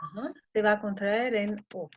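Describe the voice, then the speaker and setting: A woman with a Mexican accent gives an online French class in Spanish, her voice mid-range and at a normal speed with slight background noise. She frequently checks that her students are keeping up. The lo-fi audio is muffled.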